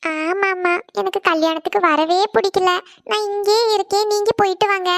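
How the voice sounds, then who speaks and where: A whiny, tearful cartoon college girl, as a woman puts her on, in a very high, drawn-out pleading voice. She sounds sulky and upset. The recording is dry and close. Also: little pitch movement, no echo. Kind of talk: cartoon voice acting.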